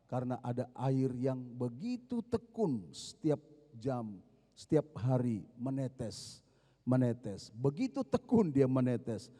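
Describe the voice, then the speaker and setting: Warm and mid-range, this Indonesian-accented pastor's voice swings widely in pitch as he takes his time. He preaches in a big church hall, telling a dramatic story with emphatic rises, and the sound carries a long hall reverb.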